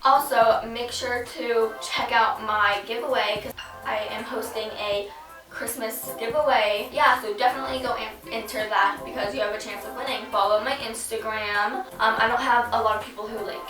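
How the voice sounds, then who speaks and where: A teenage girl with a stuffy nose from a cold, talking casually through a crafts tutorial and filling her talk with 'like' and 'um'. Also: a little high. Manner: chatty, lots of 'like' and 'um'. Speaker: DIY vlogger.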